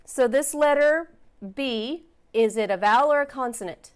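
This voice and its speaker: A woman's voice: sits high, moderate pace, clean tone. A woman teaching a phonics lesson, patiently sounding out letters and words and encouraging her learners.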